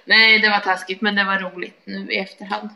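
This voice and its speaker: A woman's voice: mid-range voice, flat delivery, bright, forceful tone. A woman talking in casual chat. She mostly answers with short agreeing words and sometimes recalls a situation in a reflective way.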